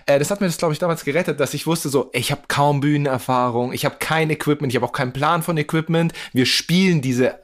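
A man talks in a loose, slangy way as a guest rapper on a casual podcast. His voice comes through low-quality remote stream audio. It sits a little high for a man. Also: fast, few pauses.

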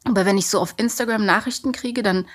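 Chatty woman guest on a podcast, open and laughy, mid pitch. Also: quick pace. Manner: candid, chatty, laughs easily. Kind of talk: casual chat.

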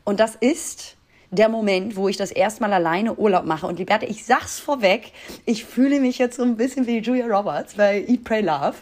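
A woman's voice: mid-range voice, moderate pace, darkish tone. Chatty jokey German woman podcaster. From Hamburg, Germany. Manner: chatty, jokey, laughs often. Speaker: podcast co-host. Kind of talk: casual chat. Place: rented room on holiday.

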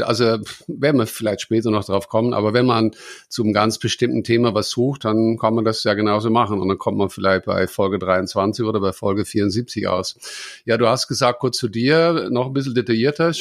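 A man's voice: fairly low pitch, fairly even intonation, a little fast, dry recording, clean studio sound. A man hosting a podcast interview, asking loosely phrased, chatty questions. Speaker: podcast host. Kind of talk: conversational interview.

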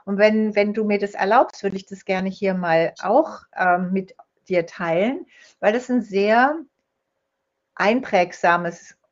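A woman's voice: medium pitch, takes it slowly. A woman guest in a conversational interview, explaining her ideas through vivid stories and acting out the voices of the people in them. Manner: storytelling, acts out quoted speech. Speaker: guest, holistic dental health speaker. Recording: dull lo-fi sound.

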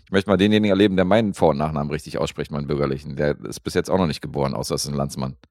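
A man co-hosting a podcast, reviewing a film in a relaxed, rambling way with lots of fillers. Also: extremely low pitch, racing, no echo, studio quality. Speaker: podcast co-host reviewing films. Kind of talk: casual chat.

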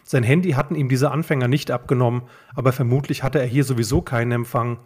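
Husky male audiobook narrator. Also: medium pitch, fast. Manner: steady, plain narration. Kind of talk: audiobook reading of fan fiction.

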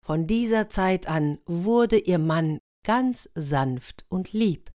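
A woman telling a fairy tale in a lively way, turning to her listeners with questions. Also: on the low side, slow pace. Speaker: storyteller.

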